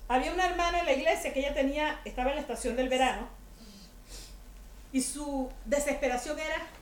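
High-voiced woman preaching in an echoey room. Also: quick pace, a little hiss or hum. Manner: chatty, humorous, asks the audience rhetorical questions. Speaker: women's ministry speaker. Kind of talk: conversational sermon to a women's group. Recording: echoey room with faint ambience.

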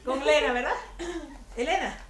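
A woman's voice: high-pitched, moderate pace, a loud crowd. A woman giving a chatty, humorous sermon to a women's group, often putting rhetorical questions to her listeners. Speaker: women's ministry speaker. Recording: echoey room with faint ambience.

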